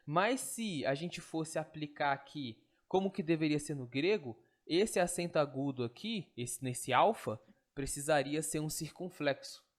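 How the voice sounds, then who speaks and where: A man teaching Greek in an online lesson, explaining step by step and checking in with quick tag questions. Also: fairly high pitch.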